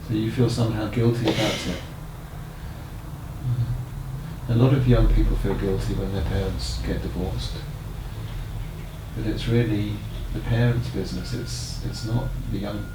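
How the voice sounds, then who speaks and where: Sympathetic male child psychiatrist acted by a man for role-play; gentle, tentative, heard from afar in a noisy room. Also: on the low side, creaky. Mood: sympathetic, probing. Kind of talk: acted clinical consultation. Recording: roomy, distant mic, noisy background.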